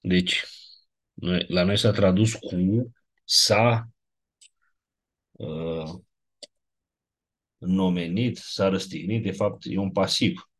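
A man's voice: low-pitched, pauses often, slightly rough. A man teaching a lecture class, explaining grammar step by step and checking in with his students.

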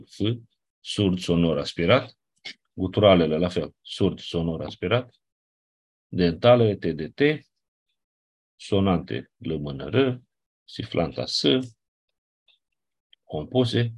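A man's voice: low-pitched, darkish tone, slightly rough. A man teaching a class, reviewing grammar step by step and often checking in with his students. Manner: patient, checks in with "nu?" and "da?". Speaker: teacher of Ancient Greek.

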